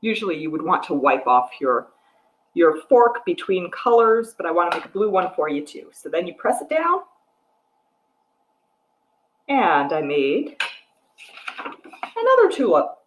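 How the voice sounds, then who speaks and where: A middle-aged American woman, acting as a storytime librarian, delivers a picture-book read-aloud and craft talk for young children, explaining simply and asking questions. Her voice is on the low side yet very animated, unhurried, with long pauses. The sound is roomy with a noisy background, picked up by a device mic at arm's length in a home room with wooden floors and a piano.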